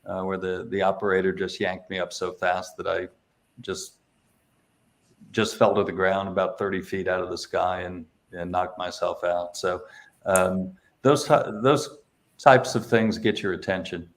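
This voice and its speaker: Middle-aged male guest, gravelly low voice, halting storyteller full of fillers. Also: flat delivery. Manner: hesitant, many fillers and restarts. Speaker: paramotor instructor and guest. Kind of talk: casual interview storytelling.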